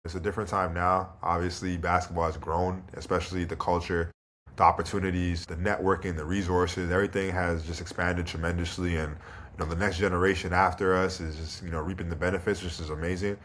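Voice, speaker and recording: Deep-voiced man, relaxed guest. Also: fairly quick, slight background noise. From Toronto, Canada. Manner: relaxed and reflective, leans on "you know" and "like". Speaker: guest, pro basketball player. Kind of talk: casual interview.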